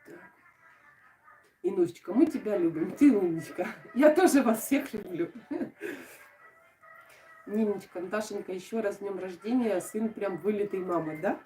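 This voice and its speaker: Her medium-pitched voice has lively intonation and a moderate pace, broken by long pauses. She's from Odesa, speaking Russian with a southern Ukrainian soft g and "sho" while casually chatting on a craft live stream, warmly answering viewers' comments with lots of laughs and fillers. A distant mic makes it sound roomy.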